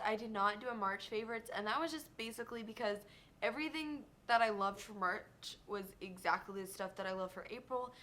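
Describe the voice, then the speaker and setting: A young woman chatting excitedly in a casual beauty vlog, gushing over her favorites and calling everything amazing. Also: medium pitch. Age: young adult. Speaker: beauty vlogger.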